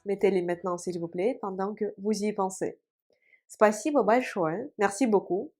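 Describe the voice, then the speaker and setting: A woman language teacher giving a video lesson, explaining carefully and repeating each word slowly for practice while writing on a board. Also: medium pitch, a little mellow, soft background music.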